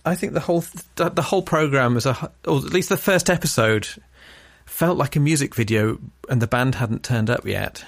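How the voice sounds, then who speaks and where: A man from England co-hosting a casual podcast chat, wry and quick to laugh. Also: mid-range voice, creaky, no echo. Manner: wry, chatty, laughs often. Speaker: podcast co-host.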